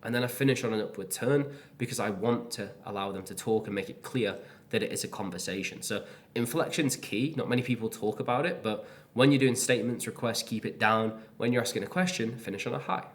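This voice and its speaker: A man explains sales techniques in a plain, casual teaching style. His voice sits a little low, and he speaks brisk and matter-of-fact with deliberate pauses. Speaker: sales coach. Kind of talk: instructional talk to camera.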